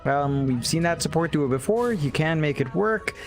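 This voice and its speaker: A man casting an esports match, giving quick analytical draft commentary with stammered restarts. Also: fairly high pitch, animated, faint music behind. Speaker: esports caster.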